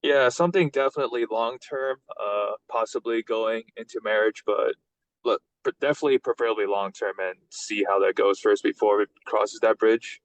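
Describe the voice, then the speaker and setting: A man's voice: on the low side, normal speed, no echo, low-quality recording. A man in his twenties calling into a dating show, talking casually with a cagey, joking manner. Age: 20s. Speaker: caller. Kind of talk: casual chat.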